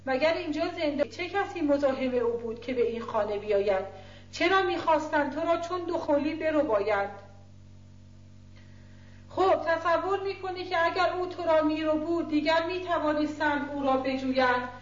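A woman's voice: high-pitched, animated, reverberant, lo-fi sound. A woman reading the part of a stern older woman guardian with a harsh, scolding manner. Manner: scolding, commanding.

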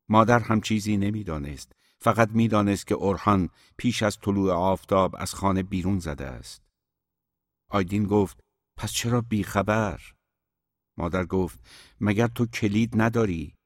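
Low-voiced male audiobook narrator, dry sound. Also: no echo. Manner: calm, measured storytelling.

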